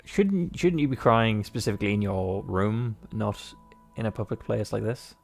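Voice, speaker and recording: A man's voice: fairly low pitch, moderate pace, gravelly, faint music behind. A man playing through a visual novel, reading the narration aloud and adding rambling, joking remarks full of fillers. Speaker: game player and narrator.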